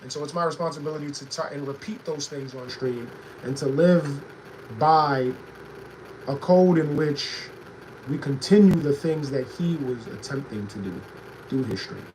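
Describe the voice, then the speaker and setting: A young man streaming casually without a proper mic, animated one moment and low and reflective the next as he talks to his chat. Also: moderate pace. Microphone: no proper mic, built-in device mic. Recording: noisy stream audio.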